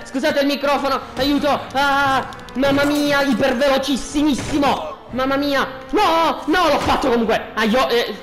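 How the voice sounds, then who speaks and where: Excitable, joking gameplay commentator. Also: sits high, measured pace, hardly any pauses, soft background music. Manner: joking, excitable, repeats phrases. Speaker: gaming video host.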